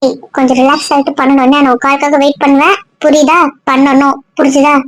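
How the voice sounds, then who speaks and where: A woman acting a friend in a family web series, scolding and comforting in a brisk manner. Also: high voice, level tone, no echo, low-quality recording.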